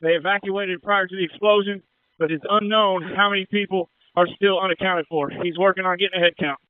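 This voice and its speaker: A man's voice: high-pitched, fairly even intonation, fairly quick, clean tone, no echo. A man, a fire engine officer at an incident, giving terse, clipped status reports over a handheld fire radio. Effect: heard over a handheld fire radio. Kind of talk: fireground radio traffic. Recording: tinny two-way radio transmission.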